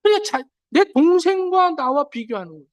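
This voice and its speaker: A middle-aged man preaching a sermon in an animated way, acting out the words of the people he quotes. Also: extremely high pitch, fairly quick, no room sound. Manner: animated, acts out quoted speech in changed voices. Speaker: pastor.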